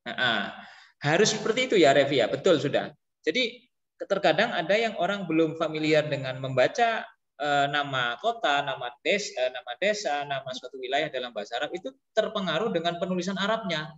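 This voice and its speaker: A man teaching an Arabic lesson to a class, chatty and relaxed, asking pupils questions and repeating phrases slowly. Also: fairly high pitch, reverberant, in a large hall, lo-fi sound. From East Java.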